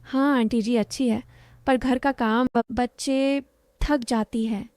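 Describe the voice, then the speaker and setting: A bashful young milkman in a spoken storybook, hesitant and stumbling over his words, as a woman narrator puts him on. The voice is mellow and sits a little high. It is recorded close and dry, with no room sound. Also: fairly even intonation, slow, clean tone, no room sound. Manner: hesitant, stammering.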